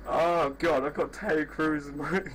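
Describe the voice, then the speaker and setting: Bright-voiced young man giving a casual aside. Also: fairly high pitch, fairly even intonation, normal speed, slight background noise, low-quality recording. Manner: laughing aside, self-mocking. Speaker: prank caller.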